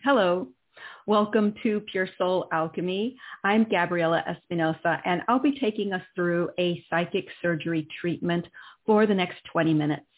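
Woman, lowish husky voice, guided meditation host, calm instructional phrasing, pauses, thin phone-line recording. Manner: slow, calming, instructional delivery with pauses. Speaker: host and healer. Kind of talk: guided meditation, spiritual healing session. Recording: narrow, tinny phone-line audio.

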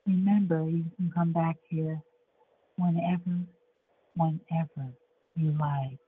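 A woman leading a guided relaxation meditation in a soothing, measured way, with long pauses between short phrases. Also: low-pitched, steady tone. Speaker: show host and guided imagery facilitator. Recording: dull lo-fi sound with faint background noise.

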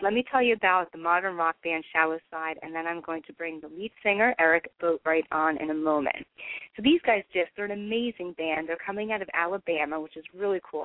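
A woman's voice: lowish voice, dry recording. A woman with a New Jersey accent hosting a casual interview show in a chatty, effusive way. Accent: Northeastern US, New Jersey. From New Jersey, United States. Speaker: radio show host, interviewer. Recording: dry, tinny phone-line radio audio.

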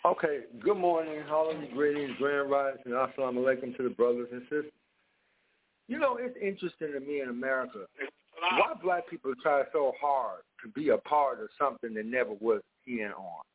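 A man's voice: mid-range voice, expressive, brisk. A man calling in to a radio talk show over the phone, speaking emphatically and firing off rhetorical questions. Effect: heard over a phone line. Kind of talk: impassioned call-in commentary. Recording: tinny phone line on radio.

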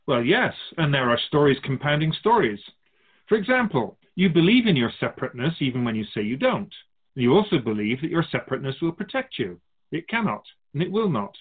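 In a radio drama, a man plays an otherworldly keeper of souls, a wise and teasing mentor who muses theatrically in rhetorical questions with a knowing air. His voice is on the high side, very animated, brisk, and slightly rough, and the audio sounds narrow and tinny.

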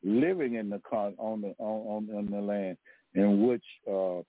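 A man hosting a history talk podcast, lecturing in a rambling, halting way with many fillers and restarts, heard over a phone line. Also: on the low side, dry recording. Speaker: podcast host. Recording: tinny phone line, dry.

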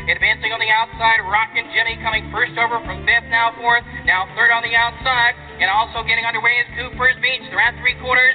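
A man's voice: extremely high pitch, phone-quality sound. A man calling a harness race, rattling off positions and building to the finish. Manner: rapid rising race call. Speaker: race caller. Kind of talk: horse race commentary.

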